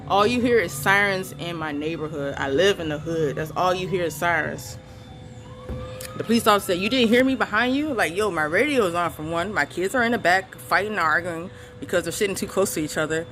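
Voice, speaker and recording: A woman's voice: on the low side, brisk, a bit bright, a little hiss or hum. A woman and mother of three retelling her arrest in an angry, blunt vlog vent, swearing freely and hammering her points with emphasis. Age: adult parent of three children. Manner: blunt, profane, emphatic and defiant. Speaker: vlogger recounting her arrest.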